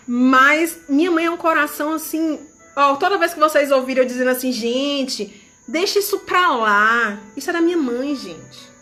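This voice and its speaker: A woman's voice: high voice, moderate pace, a bit bright, faint music behind. A woman leading a church youth ministry, preaching an emotional testimony and repeatedly calling out to her listeners. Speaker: youth ministry leader giving a testimony sermon.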